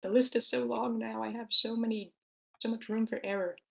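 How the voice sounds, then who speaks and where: A woman casually hosts an online table read, making announcements in a chatty, informal way. Her voice is fairly high and steady, a little fast, with vocal fry, and she speaks through her own microphone in an online voice meeting.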